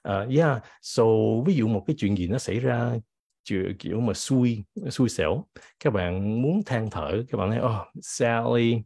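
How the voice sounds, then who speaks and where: A man teaching English vocabulary in a bilingual lesson, with a cold that makes him clear his throat, reading example sentences slowly. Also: on the low side, animated, mellow, no room sound, studio quality. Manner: switches between English and Vietnamese, reads example sentences slowly.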